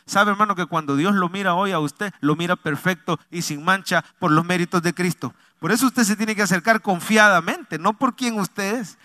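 A middle-aged man, a pastor, giving a testimony sermon in church, moving between hushed confession and fervent preaching, calling listeners brother and church. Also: sits high. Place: church before a congregation.

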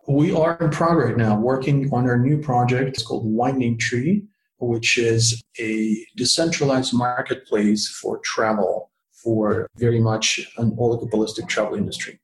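A man's voice: mid-range voice, moderate pace. A man with a slight Russian accent answering conversationally as an interview guest. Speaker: interview guest, tech startup co-founder. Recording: roomy, echoey sound.

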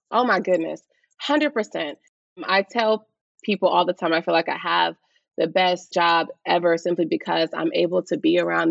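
A woman's voice: lowish voice, vocal fry, no echo, muffled recording. A woman teacher, giving thoughtful, earnest and passionate interview answers. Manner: earnest, passionate about students. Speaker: high school or college teacher.

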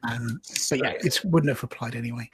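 A man co-hosting a casual podcast, chatting through army lists with quick asides and bursts of laughter. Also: mid-range voice, a little hiss or hum. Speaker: podcast co-host. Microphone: remote call.

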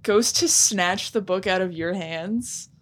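A woman playing a tabletop role-playing game casually, with a husky voice and a curt, dry, dismissive manner. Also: medium pitch, takes it slowly. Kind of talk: casual in-character game play.

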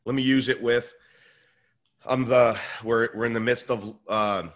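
A middle-aged man from the Northeastern US, a guest telling lively stories and acting out dialogue to explain leadership ideas. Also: mid-range voice, unhurried. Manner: energetic, acts out dialogue with kids. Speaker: podcast guest, leadership author. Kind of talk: animated storytelling in conversation.

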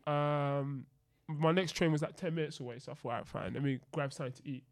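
A man's voice: a little high, fast talker, dry recording, clean studio sound. A man with a London accent co-hosting a podcast, bantering and telling anecdotes in slangy, jokey speech that often repeats phrases. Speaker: podcast co-host. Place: podcast studio.

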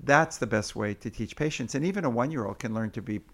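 A man's voice: medium pitch, fast, a bit bright. A man in an interview explaining parenting techniques, now and then acting out sing-song parent voices. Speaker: parenting expert guest.

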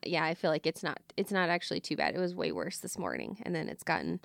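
A woman, raspy and a little hoarse from being sick, chatting casually as a podcast co-host and laughing often. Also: low voice, huge pitch swings, fast talker, no room sound. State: rough throat from illness. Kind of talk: casual chat.

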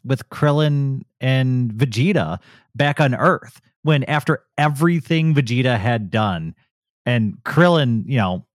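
A man's voice: medium pitch, no echo, studio quality. A man co-hosting a podcast, talking casually and laughing easily as he discusses episodes. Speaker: podcast co-host. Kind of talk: casual review chat.

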